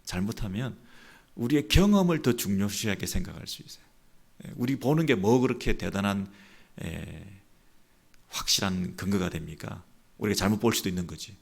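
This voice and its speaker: A male pastor delivers a dawn sermon, reading scripture aloud and then retelling it as lively spoken dialogue. His voice sits low and carries a gravelly rasp, and he swings from quiet asides to loud, raised-pitch quotations. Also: moderate pace. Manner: acts out quoted dialogue with lively shifts in pitch and loudness. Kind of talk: sermon at a dawn prayer service.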